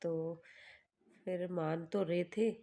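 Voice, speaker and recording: A woman's voice: fairly low pitch, steady tone, slow, dark tone. A woman in her thirties from Uttarakhand, a mother narrating her day in a casual family vlog with a chatty, homely storytelling manner. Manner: chatty, homely storytelling that speaks to viewers as "guys".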